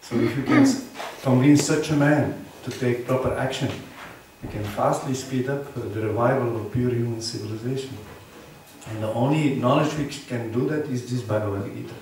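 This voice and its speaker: A man's voice: mid-range voice, darkish tone, a little hiss or hum. A man giving an earnest sermon on scripture in a temple, quizzing his listeners with short tag questions. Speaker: temple preacher. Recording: very echoey hall, distant mic.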